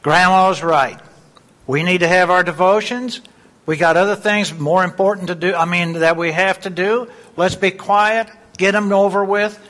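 A man's voice: high voice, moderate pace, fairly bright tone. A man playing a blustery, bossy grandfather in an amateur church skit. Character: gruff grandfather who wants to go bowling.

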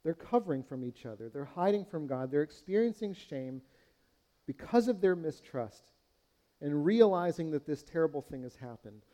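A male pastor delivers a sermon in an earnest, questioning manner. His voice sits slightly high for a man yet sounds mellow and warm. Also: lively intonation, normal speed. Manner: earnest, questioning, speaks to the congregation as friends.

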